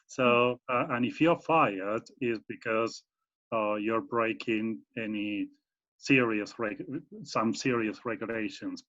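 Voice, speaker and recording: A man's voice: mid-range voice, fairly bright tone. A man from Argentina with an Argentine Spanish accent, explaining his academic work in a video call interview, full of fillers and restarts. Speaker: guest speaker, university professor. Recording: muffled video call audio.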